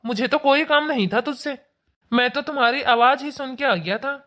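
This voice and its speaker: A woman's voice: high-pitched, fairly quick. Fields: easygoing old father-in-law voiced by a woman. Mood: chiding. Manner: calm, teasing.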